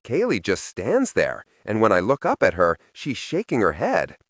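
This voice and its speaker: A man narrating a first-person audiobook in a wry, expressive storytelling manner, close to the microphone. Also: fairly low pitch, moderate pace, no echo.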